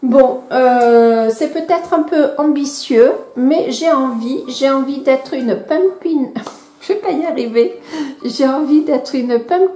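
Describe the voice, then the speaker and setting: A woman's voice: high-pitched, takes it slowly, warm tone. A woman chatting casually on a home vlog, hesitant and full of fillers, often correcting herself while showing her coloring books to a camera. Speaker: coloring vlogger. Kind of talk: casual show-and-tell vlog. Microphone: camera microphone she moves around. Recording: echoey room with faint background music.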